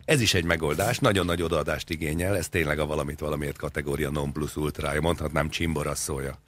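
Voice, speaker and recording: A man's voice: extremely low pitch, fairly even intonation, fairly bright tone. A man co-hosting a radio talk show, chatting in a wry, rambling way, spinning absurd jokes with frequent hesitations. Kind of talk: comedic casual chat.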